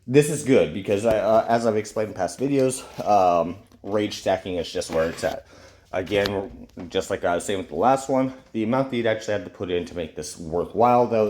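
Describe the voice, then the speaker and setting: A man's voice: lowish voice, a little mellow. A man with a stuffy nose from a cold, casually reading out and judging game character skills with many fillers. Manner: reads skill text aloud with fillers. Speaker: game reviewer. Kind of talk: casual gameplay commentary.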